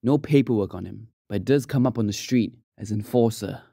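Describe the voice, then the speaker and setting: Police inspector near retirement played by a male actor: low voice, close dry recording, patient and matter-of-fact. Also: brisk, gravelly, warm tone, husky, no room sound. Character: weary, good-natured police inspector nearing retirement. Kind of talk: audio drama acting.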